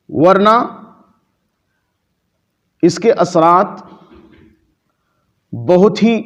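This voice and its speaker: Recitation teacher, male, fairly high voice; patient, draws out sounds. Muffled lo-fi recording. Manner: explains patiently, drawing out letter sounds as examples. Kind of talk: religious lecture on pronunciation. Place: mosque. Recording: dull lo-fi recording.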